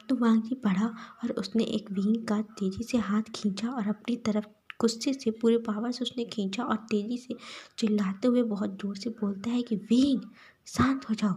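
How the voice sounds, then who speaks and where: A woman reading fan fiction aloud in a halting manner, often repeating words. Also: on the high side, mellow. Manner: halting, repeats words, breathy half-whisper. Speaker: storyteller.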